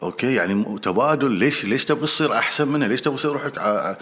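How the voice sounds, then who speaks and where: A man with a Gulf Arabic accent giving casual, earnest advice straight to the listener, repeating points and pausing on fillers. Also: medium pitch, expressive, a bit bright. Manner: earnest and repetitive, addresses listener directly; frequent hesitations and fillers. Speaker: speaker giving marriage advice.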